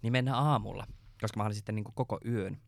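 A man's voice: on the low side, gravelly, no echo. A man co-hosting a podcast, telling a story in a rambling, casual way with lots of fillers and swearing. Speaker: podcast co-host.

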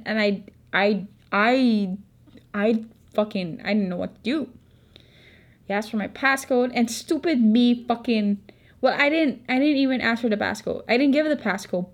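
Foul-mouthed young Filipino woman storyteller. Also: a little high. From Philippines. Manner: swears a lot, chatty and candid. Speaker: vlogger. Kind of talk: casual storytelling.

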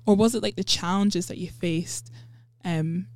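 Woman podcast host, low-ish voice, dry studio; supportive and affirming interviewer. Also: fairly even intonation, unhurried, darkish tone, no echo. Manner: encouraging, with frequent affirming murmurs. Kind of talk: casual interview chat.

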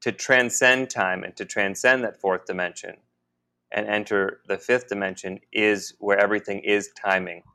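A man co-hosting a podcast, talking in a halting, musing way with many restarts. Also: fairly low pitch, steady tone, pushed and bright. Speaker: podcast co-host. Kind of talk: casual spiritual conversation.

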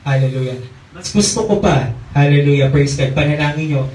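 A man's voice: a little high, lively intonation, moderate pace, darkish tone. A man preaching a sermon in church on a handheld mic, peppering his talk with hallelujahs and amens. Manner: call-and-response, frequent hallelujahs and amens. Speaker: pastor. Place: church hall. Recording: echoey church recorded from far off.

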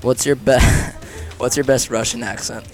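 A man's voice: medium pitch, steady tone, unhurried, soft background music. A young man co-hosting a podcast in casual banter, rambling and teasing with lots of fillers. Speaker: podcast co-host.

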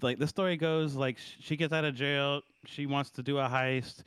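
A man's voice: mid-range voice, fairly even intonation, normal speed, a bit bright, clean tone, no echo. A man co-hosting a casual movie review podcast, rambling and profane, checking in with "right?" as he goes. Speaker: podcast co-host.

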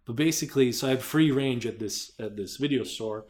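A man's voice: mid-range voice, brisk, darkish tone. A man co-hosting a podcast, talking casually in a rambling, hesitant way with lots of fillers and restarts. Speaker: podcast co-host. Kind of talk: casual chat.

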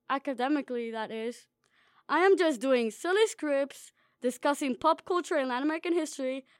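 A young student reads her own personal essay aloud in a very high, light voice, wry and dreamy and playfully mocking herself. The recording is close and dry, with no room sound or echo.

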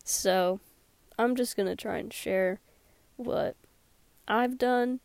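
Slow and creaky, this medium-pitched teen voice is a little mellow with no echo. She's a girl with a sore throat hosting a casual solo podcast in a small closet, sarcastic, rambling and laughing a lot.

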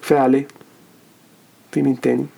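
A man's voice: medium pitch, level tone, fast, vocal fry, dark tone, breathy edge, low-quality recording. A man with an Egyptian Arabic accent co-hosting a casual football chat, repeating phrases for emphasis. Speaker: football podcast co-host.

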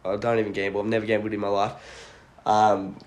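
A man's voice: on the low side, level tone, brisk. A young man with an Australian accent hosting a podcast in casual chat, with blokey, laid-back, slangy banter. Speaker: podcast host. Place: at home, phone on a table. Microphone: phone lying on table.

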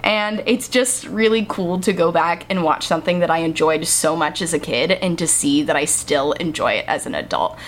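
A woman's voice: low-pitched, moderate pace, hardly any pauses, slight background noise. A woman in her twenties hosting a casual solo podcast in a bubbly, chatty way, speaking right up close to the microphone as if into your ear. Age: 20s. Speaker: podcast host.

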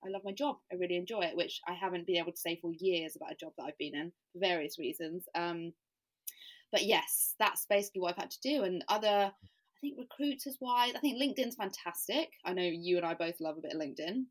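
An Englishwoman with a lowish voice talks fast as a guest on a podcast. The chat is casual, full of "like" and laughs at her own expense.

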